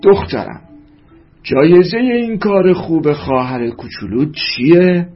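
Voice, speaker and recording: A man voicing a proud, warm father of two girls who speaks loudly and heartily, like he is teaching, in a storybook reading. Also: fairly high pitch, animated, husky, pitched above the performer's own voice. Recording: dull lo-fi with faint music.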